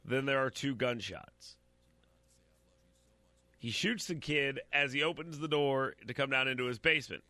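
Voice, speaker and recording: A man's voice: medium pitch, measured pace, long pauses, pushed and bright, no echo. A man giving blunt, opinionated commentary while reading out a news story, talking straight to his audience and stumbling over repeated words.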